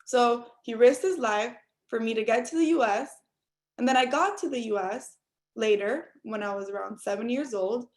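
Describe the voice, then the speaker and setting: Speaking at a normal speed, a young woman from Cuba addresses a group call with an earnest pep talk. Her voice leans high and comes through as call audio, and she talks straight to everyone as "you all."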